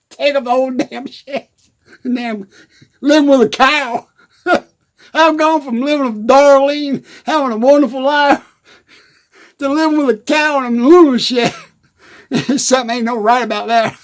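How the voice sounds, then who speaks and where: A man's voice: very high voice, measured pace, long pauses. A man doing a giggly Texan redneck. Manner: constant giggling, folksy rural grammar. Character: giggly good-ol'-boy Texas redneck man. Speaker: comedic country character. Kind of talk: rambling comic monologue.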